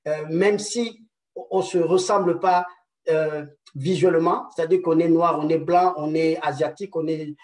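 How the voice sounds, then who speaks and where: Halting male conference speaker, roomy and distant. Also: on the high side, fairly even intonation, darkish tone. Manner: hesitant, many repeated words and fillers; rhetorical "n'est-ce pas" tags. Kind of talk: presentation lecture.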